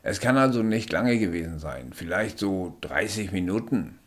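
A man voicing a brisk, sarcastic male paramedic who is proud of his work, in a read-aloud story. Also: deep voice, expressive. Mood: matter-of-fact. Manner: sarcastic, matter-of-fact. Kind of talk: audiobook character voice.

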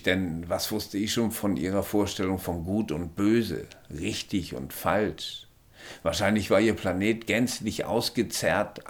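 A man with a very low voice narrates a first-person story. His audiobook reading is calm and reflective.

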